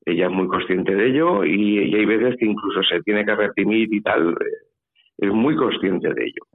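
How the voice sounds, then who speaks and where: Heard through a tinny phone connection with a little music in the background, a fairly low-pitched man speaks at a moderate pace. He's a Spanish guest with a Spanish accent telling a personal story, halting and repeating his words.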